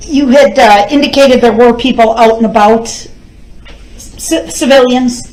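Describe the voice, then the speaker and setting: A woman's fairly high voice rings in an echoey courtroom. She is a prosecutor examining a witness, putting formal questions in a deliberate way. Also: darkish tone. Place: indoors in a courtroom.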